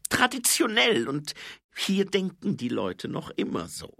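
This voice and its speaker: A timid young dwarf woman, hesitant and apologetic, in a high, lively voice, as a male audiobook reader puts her on. Bright and slow, she fumbles for her words. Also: creaky, no echo, studio quality, exaggerated voice. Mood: sheepish.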